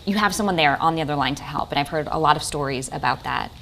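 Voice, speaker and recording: A woman's voice: sits low, quick pace, vocal fry, a bit bright, a little hiss or hum. An American woman working as a TV presenter, speaking in a broadcast interview style.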